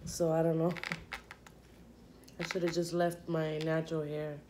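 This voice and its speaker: A woman's voice: sits low, flat delivery, unhurried, mellow, a little hiss or hum. A young woman chatting casually while eating on camera, rambling with lots of fillers and talking with her mouth full. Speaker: vlogger.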